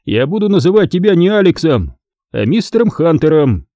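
A man's voice: a little high, sing-song, normal speed, mellow, no room sound, clean studio sound, pitched above the performer's own voice. A man voicing a jovial, hearty middle-aged uncle in a storybook reading.

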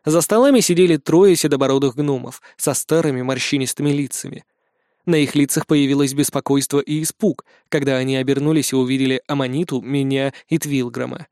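A man narrating a fantasy audiobook, with lively, ironic asides. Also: mid-range voice, fairly quick, dry recording, studio quality.

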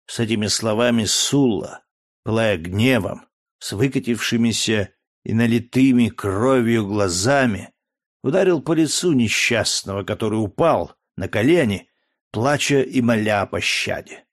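A man narrating a historical novel in a steady, measured reading. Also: fairly low pitch. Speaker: audiobook narrator. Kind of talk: scripted narration.

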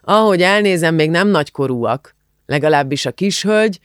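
A man voicing a gruff, blunt older policeman in an audiobook, giving orders in a stern, grumbling way. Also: fairly high pitch, lively intonation, fairly bright tone, no echo, studio quality, pitched above the performer's own voice. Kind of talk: audiobook character voice.

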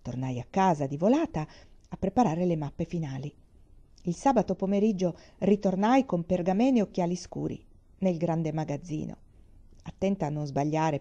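Expressive woman reading her own stories. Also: fairly low pitch. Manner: expressive reading with dramatic swings. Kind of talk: storytelling narration.

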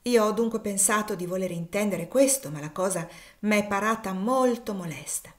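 A woman gives voice to a devout older man, steady and kindly, who speaks in a measured, solemn way, as if reading scripture aloud. The pitch is even and middle, and the telling belongs to a storybook audiobook. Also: lightly acted. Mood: calm.

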